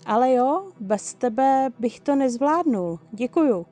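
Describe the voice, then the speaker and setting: A woman's voice: high-pitched, lively intonation, warm tone, soft background music, pitched above the performer's own voice. Brief: modest shy schoolboy, sincere, read by a woman. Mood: earnest. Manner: shy, earnest. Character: modest, shy teenage boy, grateful.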